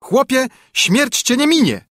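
A man voicing a small, fierce, vengeful male sparrow in a storybook reading, taunting and shrill. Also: huge pitch swings, moderate pace, a bit bright, husky, dry recording, clean studio sound, heavily acted. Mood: threatening.

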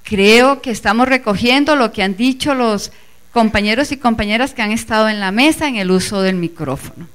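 Lady on the committee, earnest public speech to a meeting, bit high voice. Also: moderate pace, fairly bright tone, clear, resonant tone. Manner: earnest, emphatic, addresses the audience inclusively. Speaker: organizing committee member presenting to a teachers' assembly.

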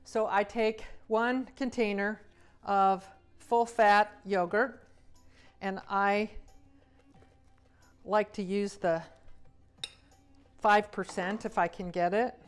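A woman's voice: mid-range voice, clear, resonant tone. Middle-aged woman chef demonstrating recipes. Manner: relaxed, enthusiastic, with fillers. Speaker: cruise line executive chef. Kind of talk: cooking demonstration. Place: large home kitchen.

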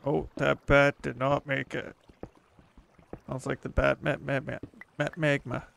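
A man's voice: mid-range voice, flat delivery, a little slow, vocal fry, a bit bright, slight background noise. A man casually commenting to himself while playing a video game, with hummed tunes and little sound effects. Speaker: gaming channel host. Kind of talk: relaxed gameplay commentary.

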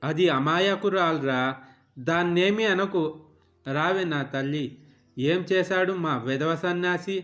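A man voicing a sharp-tongued middle-aged mother who scolds her son and dotes on her daughter-in-law. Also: high-pitched, slow pace, pauses often, soft background music. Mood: scolding. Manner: scolding, name-calling.

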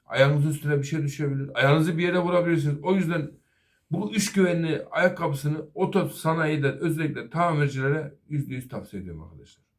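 A man's voice: a little high, a little fast. A middle-aged man, a master auto mechanic, giving an earnest safety talk to fellow workers and apprentices. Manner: earnest, advising, repeatedly addressing "arkadaşlar".

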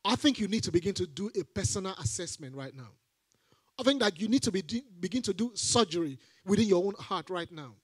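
A brisk, breathy-edged voice, high for a man, belongs to a middle-aged preacher from Nigeria giving a sermon from a church stage with a handheld mic. He grows animated and drives his points with emphatic repetition. Little room echo comes through in the close, dry sound.

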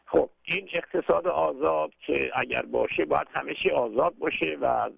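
A man giving formal, lecture-style political commentary, speaking in a measured way with frequent hesitations. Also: fairly high pitch, gravelly, slightly rough, no echo, phone-quality sound.

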